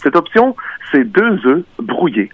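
Man doing a pompous culinary expert, deadpan, phone-in caller, fairly high, lively pitch, dry sound. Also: unhurried, dry recording, muffled recording. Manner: mock-serious, deadpan reviewing.

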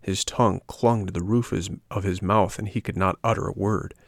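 Low-voiced man reading a classic storybook. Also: fairly even intonation, moderate pace, creaky, no echo, clean studio sound. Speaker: narrator. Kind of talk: scripted storybook narration.

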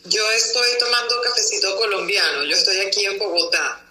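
A woman from Venezuela joining a casual podcast chat as a guest, lively and chatty. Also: medium pitch, brisk, reverberant, poor audio.

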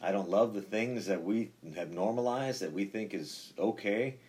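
A man with a low voice speaks as a pastor in an informal podcast talk. He is conversational and halting, circling back to repeat phrases as he shares his faith. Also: a little mellow. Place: indoors, inside a metal church building.

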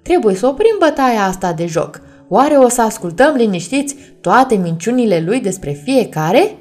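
A woman voicing a stern little boy doctor in a storybook reading, shouting indignantly. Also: fairly high pitch, sing-song, faint music behind.

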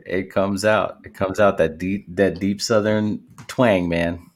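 An American man with a low-pitched voice hosts a podcast. His talk is casual and informal, like chatting with an old buddy. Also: steady tone, takes it slowly. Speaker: podcast host. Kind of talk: casual chat.

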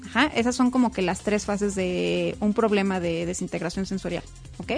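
A woman's voice: mid-range voice, fairly even intonation, normal speed, gravelly, faint music behind. A woman, a child development specialist, explaining emphatically in a casual conversation. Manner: explanatory, emphatic, quotes parents in raised voice. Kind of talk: casual expert chat.

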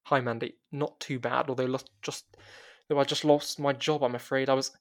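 A weary young woman, a former librarian turned investigator, who sounds tired and subdued, as a man reads her in a storybook. Her lines stay near his plain speaking voice, only slightly lifted, with a quiet, deflated evenness. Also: medium pitch, level tone, moderate pace, natural voice.

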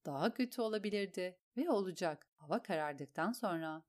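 A woman voicing a composed, practical grown woman in an audiobook, speaking in a calm, level way. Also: on the low side, brisk, close to an everyday voice. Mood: cool. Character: steady, composed woman Maya, practical and cool.

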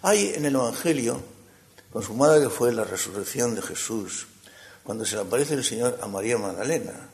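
A man delivers a sermon in a gravelly voice of middling pitch. His phrasing climbs into emphatic peaks and then drops to near-whispered stretches. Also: animated, moderate pace. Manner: swings between emphatic rises and hushed, soft passages. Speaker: preacher.

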